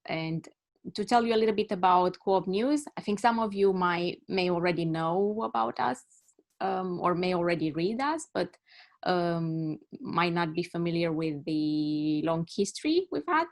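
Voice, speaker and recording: A woman from Romania in her thirties speaks on a video call, giving a measured talk as a journalist and often stopping to rephrase. Her voice sits low for a woman. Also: lively intonation. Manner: measured, self-correcting as she goes.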